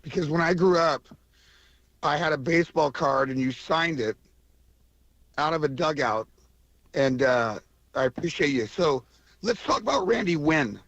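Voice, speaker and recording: A man with a coarse, gravelly voice from allergies, chatting casually and enthusiastically as a caller to a radio show. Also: on the high side, expressive, measured pace, pauses often, a bit bright, dry recording. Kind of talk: casual call-in chat. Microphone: phone call to radio show. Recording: band-limited phone line.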